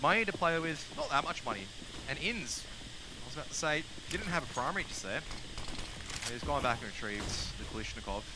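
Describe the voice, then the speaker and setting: A man's voice: mid-range voice, expressive, fairly quick. A man with an Australian accent commentating a live video game match in a laconic drawl. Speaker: esports commentator. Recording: clear game noise, gunfire and vehicles behind.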